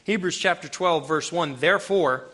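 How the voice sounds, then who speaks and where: A man's voice: sits high, expressive, normal speed, sharp tone. A man preaching a conversational sermon to a room of listeners, reading scripture and breaking into emphatic, raised outbursts. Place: room with a live audience.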